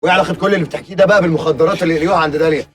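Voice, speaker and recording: A man's voice: fairly high pitch, steady tone, very fast, crowd noise, close to an everyday voice. An actor playing a hard-nosed male boss who questions a young woman in a blunt, mocking, commanding way, with an Egyptian accent. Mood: stern questioning.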